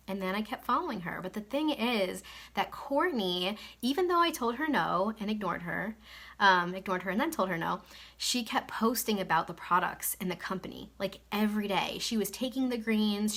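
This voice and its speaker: A woman's voice: mid-range voice, a bit bright. A young woman giving casual, reassuring advice to camera, chatty and full of fillers. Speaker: network marketing coach.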